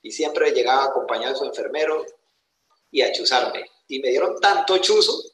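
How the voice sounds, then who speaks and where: A young man with a Colombian accent delivers a motivational personal testimony. He tells his story emphatically and keeps turning to the audience with rhetorical questions. His voice sits at an ordinary pitch and rings around a roomy, echoing space with faint background noise. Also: expressive, normal speed. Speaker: motivational speaker.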